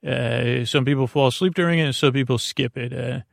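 A man with a creaky, mid-range voice hosts a bedtime podcast, delivering a rambling monologue. He meanders and halts, losing his thread and circling back. The studio sound is clean, with no room sound.

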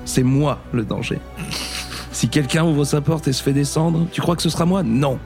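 A man's voice: on the high side, moderate pace, darkish tone, soft background music, natural voice. A man playing a cold, menacing middle-aged drug kingpin in a comic read-through.

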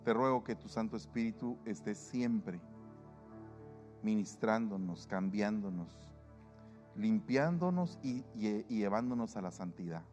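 A male pastor preaching to his congregation and leading communion, lively and acting out the voices of people he quotes. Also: lowish voice, a little slow, big-room sound, faint music behind. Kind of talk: sermon and communion prayer. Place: church.

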